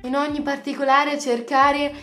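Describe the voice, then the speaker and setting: A woman talks openly in a casual conversation, her voice sitting fairly high. She speaks in a frank, confiding way, like someone sharing things with a friend. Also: little pitch movement, normal speed, sharp tone, roomy sound, faint music behind. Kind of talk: casual chat.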